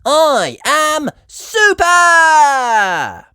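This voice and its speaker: A woman voicing an excitable, earnest little girl pig with wide-eyed exclamations in a children's storybook read-aloud. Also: sits high, drawn-out words, no room sound, clean studio sound, voice pushed up, full character voice. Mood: earnest, proud.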